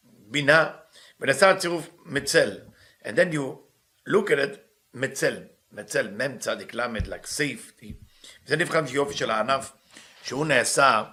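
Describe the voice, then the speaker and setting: Guy teaching kabbalah, bright voice, asks himself questions and answers. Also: mid-range voice. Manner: reads Hebrew quickly then explains in English. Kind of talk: teaching a text.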